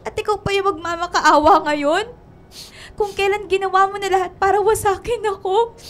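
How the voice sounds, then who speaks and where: A woman's voice: extremely high pitch, fairly even intonation, normal speed, a bit bright. An actress playing a wronged, indignant young woman in a radio drama, tearful and accusatory, with a Filipino accent. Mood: hurt, accusing.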